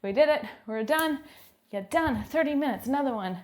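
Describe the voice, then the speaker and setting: Young canadian woman leading a home workout, cheery encouraging cues, calm stretch instructions. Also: sits high, normal speed. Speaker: fitness instructor.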